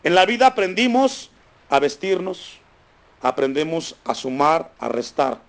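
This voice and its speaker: A male pastor preaching a sermon, repeating key lines for emphasis, dropping low and soft on them, then praying fervently over the congregation. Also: big pitch swings, unhurried, vocal fry. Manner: raised, fervent pleading in prayer. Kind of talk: sermon with closing prayer. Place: church congregation.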